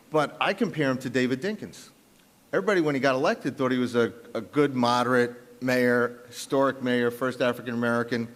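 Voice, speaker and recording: A man from the South Bronx with a New York accent, presenting poll numbers emphatically on a conference panel. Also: medium pitch. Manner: emphatic, punchy, with frequent restarts. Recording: long reverb of a large conference hall.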